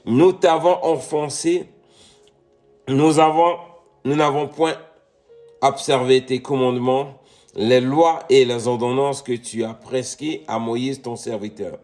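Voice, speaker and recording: A middle-aged Congolese man preaches a sermon over faint music, repeating "mes bien-aimés" and "Amen" as he rises to emphatic peaks. His medium-pitched voice is steady, slow and darkish.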